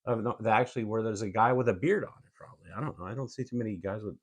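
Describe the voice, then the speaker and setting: Playful host with a husky voice. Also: male voice, lowish voice, very fast. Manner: playful, joking, interjects often. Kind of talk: casual chat.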